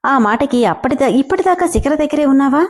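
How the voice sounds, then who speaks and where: A woman's voice: high voice, animated, fairly quick, pitched above the performer's own voice. A woman reading a storybook voicing an emotional young bank colleague who pleads and feels hurt. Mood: pleading.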